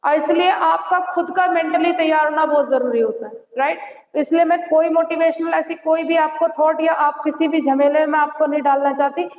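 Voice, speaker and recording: A woman's voice: high-pitched, steady tone, moderate pace. A woman teaching a Hindi exam-prep lesson who mixes in English phrases, keeps asking "right?" and "theek hai", and gives students direct advice. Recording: echoey, dull lo-fi room sound.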